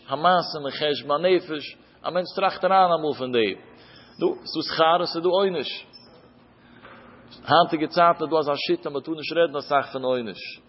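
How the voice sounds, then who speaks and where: A husky, fairly high-voiced man delivers a religious sermon, telling stories with emphatic rises and drops. The recording is dull and lo-fi, with a long reverb trailing his words. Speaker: preacher.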